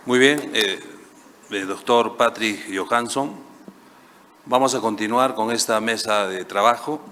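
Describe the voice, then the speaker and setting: A man with a lowish, bright and forceful voice moderates a panel and introduces the next speaker. He hesitates often and fills gaps with short sounds. His voice carries a long hall reverb. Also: a little slow, a faint crowd, a little hiss or hum. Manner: hesitant, with frequent fillers. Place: large conference hall.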